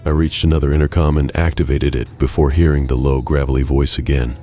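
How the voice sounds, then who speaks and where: A man narrating a game playthrough as a first-person story in a measured, even way. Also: extremely low pitch, soft background music.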